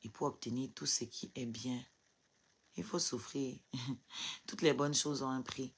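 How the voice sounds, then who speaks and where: A husky-voiced woman speaks through tears into her phone on a live stream. She talks defiantly and hurls rhetorical questions at her viewers. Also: extremely low pitch, fairly even intonation, measured pace. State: crying. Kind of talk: emotional live stream rant.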